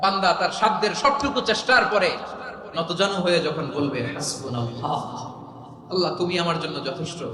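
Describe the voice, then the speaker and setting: Fiery preacher chanting before a huge crowd. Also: male voice, high voice. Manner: chants Arabic verses in a drawn-out melody; calls on the crowd to answer back. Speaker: Islamic preacher. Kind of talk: impassioned sermon. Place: huge open-air religious gathering. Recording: echoey loudspeakers with large crowd.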